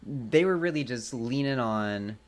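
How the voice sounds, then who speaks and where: A man's voice: medium pitch, lively intonation, measured pace. A man co-hosting a film podcast, chatting casually and rambling with many fillers. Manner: rambling, heavy use of "like" fillers. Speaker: podcast co-host.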